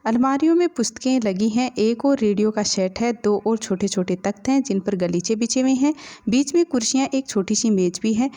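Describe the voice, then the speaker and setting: A woman's voice: a little high, moderate pace, mellow. A woman teacher reading a school play aloud and explaining it line by line. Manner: reads lines aloud then explains them plainly.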